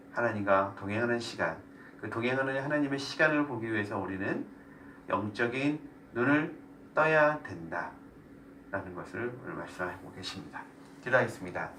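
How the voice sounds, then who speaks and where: A male pastor's low-leaning, bright voice carries a forceful tone as he runs a Bible study sermon, putting questions to the group and explaining them. He is in a church room; the sound is echoey, distant and faintly noisy.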